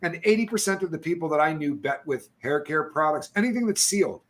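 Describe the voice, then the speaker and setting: A man's voice: on the high side, fast talker. A man hosting a casual chat, telling stories animatedly and acting out what others said. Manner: animated storyteller, acts out other people's lines. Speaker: podcast host.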